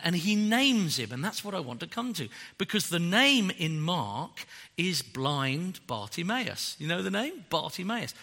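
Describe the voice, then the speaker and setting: A man preaching a sermon in an animated, joking way that is often broken by laughs. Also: a little high, long reverb tail.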